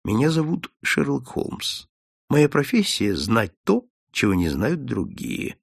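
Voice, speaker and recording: A man voicing a shrewd, calm detective who speaks softly and kindly, in an audiobook. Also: medium pitch, measured pace, vocal fry, breathy edge, no echo, clean studio sound, full character voice. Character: shrewd male detective, calm and gently confident. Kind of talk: audiobook character voice.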